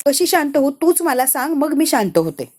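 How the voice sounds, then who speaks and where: A woman's voice: high-pitched, very animated, normal speed, a little mellow, voice pushed up. A woman voicing a furious older matriarch who scolds sharply, in a retold TV story. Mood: exasperated. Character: furious older woman, mother-in-law type.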